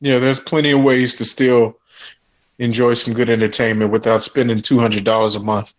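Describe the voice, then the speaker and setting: A man co-hosting a podcast in casual chat, agreeable and quick to laugh. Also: mid-range voice. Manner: lively, laughs easily, agreeable. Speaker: podcast co-host.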